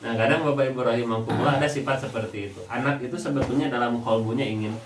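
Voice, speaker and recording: In a hall full of echo and background noise, heard through a distant microphone, a young male preacher talks fast in a mid-range voice. His Indonesian carries a Sundanese accent as he entertains the congregation with funny stories from his own family life. It's an Islamic religious talk delivered with animation.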